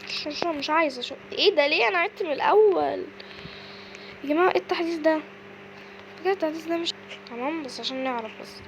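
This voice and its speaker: A woman with an Egyptian accent giving casual, excitable commentary as she plays a game, often shrieking and exclaiming. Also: high-pitched, fast, pauses often, slight background noise, low-quality recording. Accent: Egyptian Arabic. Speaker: gaming video creator.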